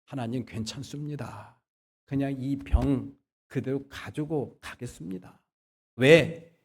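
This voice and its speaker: A man preaching a Sunday sermon as pastor. He moves between quiet asides and loud, emphatic exhortation. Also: mid-range voice, slow pace, husky. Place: church sanctuary.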